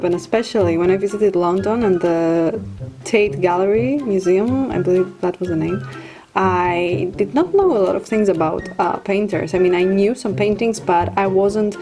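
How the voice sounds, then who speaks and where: A woman's voice: mid-range voice, normal speed. A young woman vlogging casually from her living room, chatting and laughing at herself. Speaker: fashion vlogger. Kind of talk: casual chat with read-out facts. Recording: music playing underneath. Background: music.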